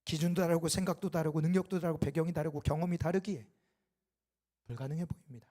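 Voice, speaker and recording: High-voiced Korean pastor preaching. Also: male voice, steady tone, quick pace. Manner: impassioned preaching that swells loud and drops to quiet; acts out quoted dialogue in the telling. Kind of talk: sermon. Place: church sanctuary.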